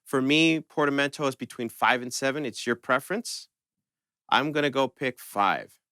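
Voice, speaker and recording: With a mid-range, sharp, smooth voice at normal speed, this synthesizer tutorial host walks through things step by step in an informal, chatty manner. The sound is clean studio quality with no echo.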